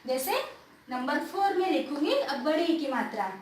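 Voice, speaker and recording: A woman teaching a grammar lesson to children, asking questions and answering them herself, drawing words out slowly to show how they sound. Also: high-pitched, expressive, reverberant, slight background noise.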